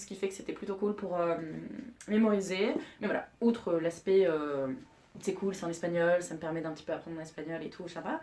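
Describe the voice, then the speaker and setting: A woman's voice: medium pitch, darkish tone. A young woman talks straight to her viewers in a loose, chatty recap. She speaks in a mid-range voice and stays informal and slangy. She often hesitates and restarts her sentences as she goes. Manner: chatty and rambling, slangy, many fillers and restarts. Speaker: vlogger. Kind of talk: casual monthly culture recap to camera.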